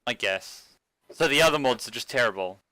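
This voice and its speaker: A man's voice: medium pitch, animated, a little fast, bright, forceful tone. A man co-hosting and editing a casual podcast, teasing and laughing often. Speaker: podcast co-host and editor.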